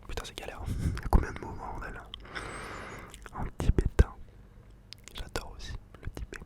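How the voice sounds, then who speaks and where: A man speaks in a soft, intimate whisper for ASMR. He's a creator in that genre, and he repeats foreign words at an unhurried pace, peppered with slang.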